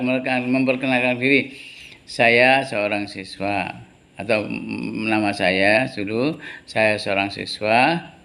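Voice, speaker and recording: Guy teaching english in class, slow explaining, repeats stuff, quizzes the students. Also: mid-range voice, a bit bright. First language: Indonesian. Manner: explains slowly, repeats words, asks students questions.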